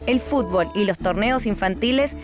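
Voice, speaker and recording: A woman reading a scripted educational narration in a clear, measured way. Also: mid-range voice. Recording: music bed under the voice.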